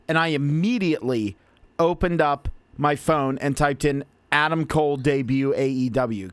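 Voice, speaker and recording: A man with a fairly high, smooth and clear voice tells a story in a casual podcast chat. He is excitable and often restarts his sentences, and the sound is dry and close. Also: dry recording. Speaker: podcast co-host.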